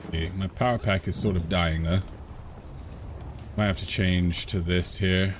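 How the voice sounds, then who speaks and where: Speaking in a low, fairly even voice at a slightly slow pace, this Londoner fields viewer questions during a live game stream. His chat is casual, with frequent laughter and repetition as he works through his thoughts aloud. Background noise is noticeable.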